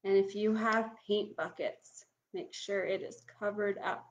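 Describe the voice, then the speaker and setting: A woman's voice: mid-range voice, steady tone, unhurried, muffled recording. Young woman calling bingo casually. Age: young adult. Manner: bingo caller announcing and repeating each item, instructional. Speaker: bingo caller, camp game host. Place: small room at home, indoors.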